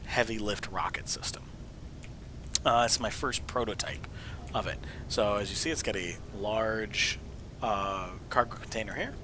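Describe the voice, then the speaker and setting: A video host showing game builds gives a casual gameplay walkthrough, though illness has mostly taken his voice, leaving it hoarse, sniffly, and dropping to a whisper at times. His medium-pitched voice has a sharp tone, with a little hiss or hum in the background. He rambles, corrects himself, and jokes around.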